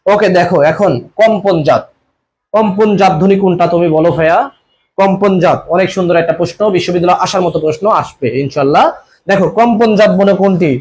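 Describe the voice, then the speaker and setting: A young man leads a live exam-prep class online. His voice sits high and he talks fast. He circles back to each question again and again, urging viewers to type their answers. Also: darkish tone. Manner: repetitive, coaxing, repeats questions and urges comments. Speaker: admission coaching teacher.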